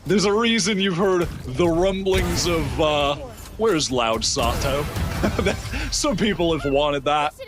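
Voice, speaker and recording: A man's voice: high voice, slow pace, music in the background. A man doing esports color commentary, breathless and stammering, laughing in disbelief at the plays. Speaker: esports caster.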